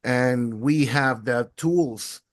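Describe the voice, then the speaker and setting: Speaking extremely slowly at a medium pitch, this man is an education technologist from Venezuela, in his forties, appearing on a podcast. He answers interview questions in English, thoughtfully and fluently recounting his story in a dry, studio-quality recording.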